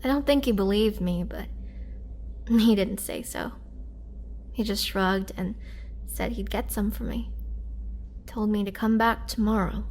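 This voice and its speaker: In a dramatic roleplay, a woman lightly acts as a gentle, sorrowful vampire who looks young but has been imprisoned for centuries. Her mid-range voice is hushed and halting as she tells her story, sounding grateful and wistful. There is slight background noise.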